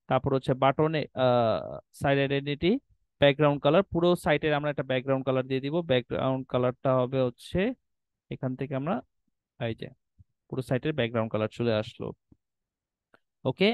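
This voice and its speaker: Clear-voiced man teaching web design. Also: mid-range voice, darkish tone, no room sound. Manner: explanatory, checks in with "ঠিক আছে?", mixes English terms. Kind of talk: screen-recorded tutorial walkthrough.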